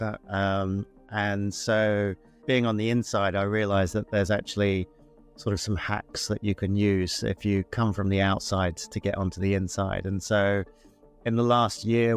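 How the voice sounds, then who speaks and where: A low-pitched man in his forties tells his story in a relaxed, self-deprecating way, stumbling over restarts and fillers. Soft music plays faintly underneath him. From born in New Zealand, grew up in the UK. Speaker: guest entrepreneur. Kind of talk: conversational interview answer.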